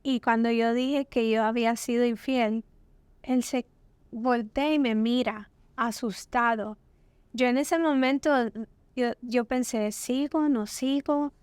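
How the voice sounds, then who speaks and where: A woman's voice: a little high, clear, resonant tone, no echo. A woman sharing a personal testimony as a podcast guest, telling the story vividly and acting out the dialogue. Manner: vivid, acts out quoted dialogue. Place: podcast studio.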